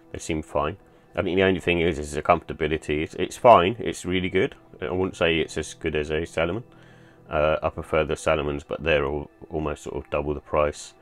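Very deep-voiced man reviewing sneakers. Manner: rambling, many fillers like "sort of" and "kind of". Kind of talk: casual product review voice-over.

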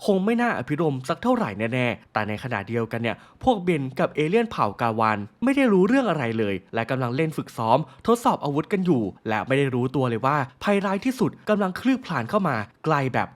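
A male narrator recapping a cartoon story in a relaxed, chatty way, full of slang. He talks quickly and his pitch rises and falls a lot. The tone is casual, like telling the story to friends.

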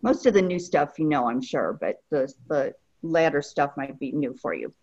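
A woman teaching a language lesson, speaking patiently and repeating each phrase slowly so learners can follow. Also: deep voice, animated, darkish tone, husky, muffled recording. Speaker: Arabic teacher.

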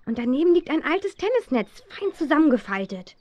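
A woman acts as a plucky, headstrong teenage girl detective in a 1970s German children's radio play, sounding excited, determined, eager, and insistent. Her high voice is very animated, a little fast, and a little mellow, with no room sound on a dull, muffled old audio drama recording.

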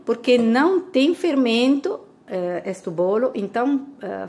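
Slow, higher-voiced woman with Italian accent. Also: gravelly. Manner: halting, searching for words in a second language. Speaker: home cooking host. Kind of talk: casual recipe voice-over.

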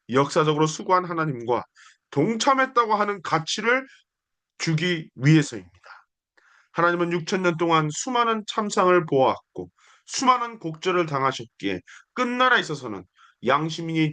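A young man delivers a sermon in an earnest, declamatory way. His fairly high voice rises and falls with lively movement as he stacks one repeated phrase on the next. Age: young adult. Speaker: preacher. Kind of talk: sermon with scripture reading.

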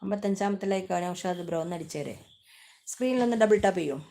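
A woman hosting a casual live stream, chatting warmly with viewers, greeting them by name, teasing them and asking for likes. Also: mid-range voice, lively intonation, fast, gravelly. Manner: affectionate, teasing.

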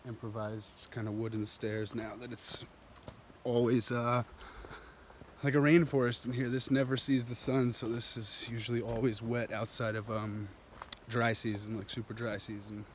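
A man's voice: medium pitch, little pitch movement, moderate pace, slight background noise. A man in his thirties talking into a handheld phone while hiking down a steep jungle trail, enthusiastic and rambling, laughing often. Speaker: vlogger. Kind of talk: walking vlog narration. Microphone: phone camera held at arm's length.

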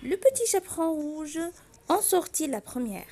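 A woman narrating a fairy tale in an expressive, sing-song, deliberate storybook manner. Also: sits high, soft background music.

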